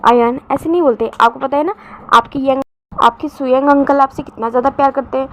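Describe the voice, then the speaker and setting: A woman voicing a cold, bitter young man who is a protective parent, speaking in low, clipped orders. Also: fairly even intonation, brisk, rough recording. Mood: tender.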